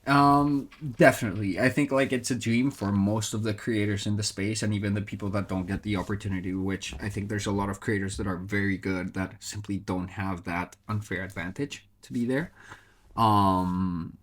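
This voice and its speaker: Reflective man with a lowish voice. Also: fairly even intonation, moderate pace. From Colombia. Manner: reflective, with many fillers and restarts. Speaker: guest, motorsport content creator. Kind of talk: casual interview.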